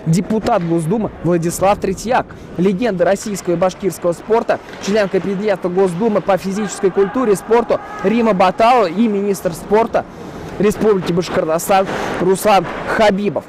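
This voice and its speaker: A man giving live ice hockey play-by-play, his delivery rising into excited exclamations on chances and saves. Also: sits high, moderate pace, noisy background.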